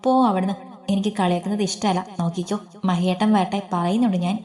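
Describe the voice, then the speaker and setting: A woman's voice: mid-range voice, quick pace, dark tone, lightly acted. A woman doing a homesick, pouty young student. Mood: sulky.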